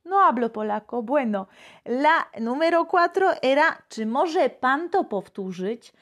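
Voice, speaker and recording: A woman's voice: sits high, animated, takes it slowly. A woman teaches a live online Polish lesson. She drills phrases aloud and greets her viewers.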